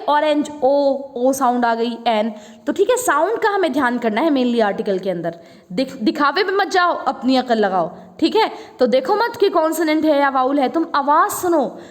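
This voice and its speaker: A woman with an Indian accent teaching English grammar to children, explaining each rule slowly and repeating words so they can be practised. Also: sits high, long reverb tail. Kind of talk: classroom lesson.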